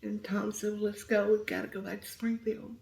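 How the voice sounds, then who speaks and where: A middle-aged woman telling a painful story as an interview guest, speaking softly and sometimes near a whisper. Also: mid-range voice, flat delivery, fairly quick, gravelly. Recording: roomy echo.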